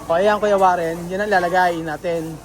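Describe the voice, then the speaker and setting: A man's voice: high voice, fairly even intonation, normal speed, a little hiss or hum, rough recording. A man from the Philippines vlogging casually in a house under renovation, chatting to his viewers with many fillers and restarts. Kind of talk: casual vlog commentary to viewers.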